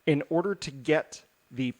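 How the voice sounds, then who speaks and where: A man's voice: on the high side, measured pace. A man co-hosting a casual podcast, reading out news stories in a rambling, jokey way with lots of fillers and restarts. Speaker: podcast co-host.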